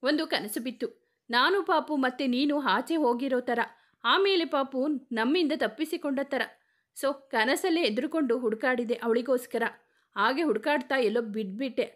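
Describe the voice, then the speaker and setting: A woman's voice: high-pitched, normal speed, lightly acted. A woman voicing a grieving male police officer who is a loving father, speaking tenderly and pleadingly.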